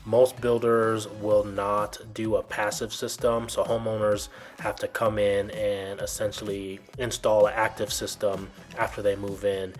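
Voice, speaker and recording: A man's voice: lowish voice, level tone, measured pace. A man giving an explanatory, informal video tour narration as a home builder's guide, in a plain, instructive way.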